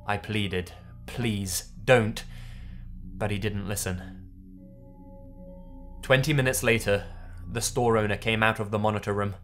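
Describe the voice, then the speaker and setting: A man's voice: on the low side, steady tone, normal speed, long pauses, a bit bright, faint music behind. A man reading a horror story aloud in the first person, tense and dramatic. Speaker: narrator. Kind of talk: scripted horror story narration.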